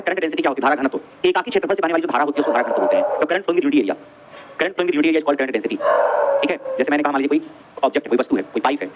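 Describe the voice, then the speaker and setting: A man's voice: a little high, slight background noise. A male teacher giving an exam-prep lecture on electricity, repeating each definition several times and quizzing his students. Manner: brisk, drilling, addresses students directly.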